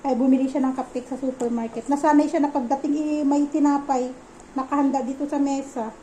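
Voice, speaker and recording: High-voiced chatty woman vlogger. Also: steady tone, brisk, dark tone, a little hiss or hum, poor audio. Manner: chatty, mixes English phrases into her talk. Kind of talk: casual home vlog narration.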